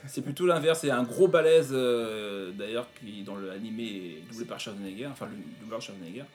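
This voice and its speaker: A man's voice: lowish voice, brisk, faint music behind. Hesitant man presenting retro games. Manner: hesitant, many fillers. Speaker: game presenter. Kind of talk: casual retro gaming chat.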